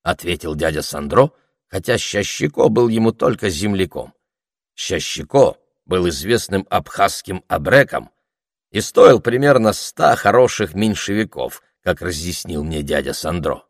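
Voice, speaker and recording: A man narrating an audiobook in a calm, even storytelling manner. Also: sits low, measured pace, no room sound, studio quality. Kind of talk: scripted narration.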